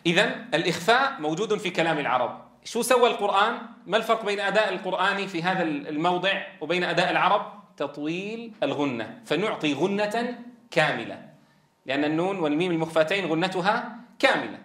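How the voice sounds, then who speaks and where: Speaking rapid-fire in a high, pushed and bright voice, a man delivers a tajweed lecture in an echoey classroom with a board. He explains Quran recitation step by step, asks the class questions and draws out sounds as demonstrations.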